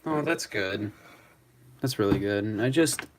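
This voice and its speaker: A young man live streaming, talking in a rambling, halting way with many restarts. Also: fairly low pitch, expressive, noisy background. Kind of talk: emotional live-stream tribute chat.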